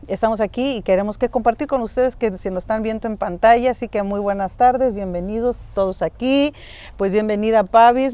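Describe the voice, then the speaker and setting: A woman from Oaxaca hosting a community podcast, interviewing guests in an unhurried way with frequent fillers. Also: medium pitch, clear, resonant tone, no echo. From San Juan Mixtepec, Oaxaca, Mexico. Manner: warm, unhurried, with fillers like "este" and "pues". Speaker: podcast host.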